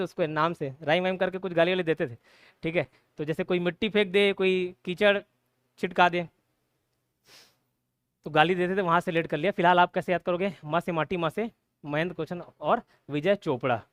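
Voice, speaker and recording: A man runs a mnemonic exam prep lesson in a high, clear, smooth voice. The sound is close and dry, with no room echo. He drills each point, quizzes the class, and keeps checking in. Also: a bit bright. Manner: repeats points, asks the class quiz questions, says "theek hai" often. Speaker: exam coaching teacher.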